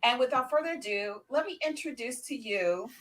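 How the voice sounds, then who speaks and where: Hosting an online talk show, this woman keeps up excited intros and banter, repeating words emphatically for effect. She speaks at a moderate pace in a slightly high voice.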